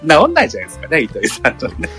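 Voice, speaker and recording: A man chatting casually on a podcast in a polite, measured way, with many pauses and fillers. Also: a little high, wildly swooping pitch, pushed and bright, faint music behind. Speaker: podcast co-host. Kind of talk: casual chat.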